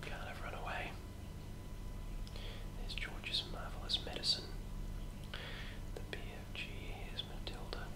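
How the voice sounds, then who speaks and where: A young man in a whispered role-play as a librarian, speaking in a soft, breathy library whisper with a gentle, hesitant manner, close to the microphone. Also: measured pace, pauses often, poor audio. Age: young adult. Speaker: librarian recommending and reading children's books. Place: small plain room indoors.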